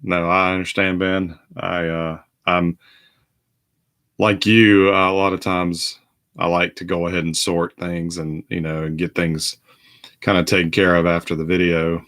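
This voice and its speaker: A man's voice: sits low, flat delivery, measured pace, a bit bright. A tired middle-aged man, hosting a casual live card-break stream and rambling with lots of fillers and restarts. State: tired, yawning. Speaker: host of a group card break.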